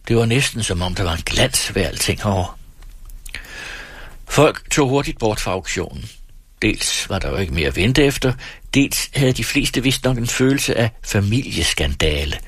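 A man reads an audiobook in a low, husky voice at a steady, measured pace. The recording is dry and close, with no room sound around it. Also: dry recording. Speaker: audiobook reader. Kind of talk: audiobook narration.

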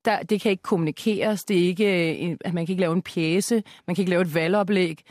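A woman who is a guest author on a radio talk show, arguing her points in a measured, earnest way with frequent fillers. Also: fairly low pitch, steady tone, darkish tone, dry recording, clean studio sound. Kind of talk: radio debate. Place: radio studio.

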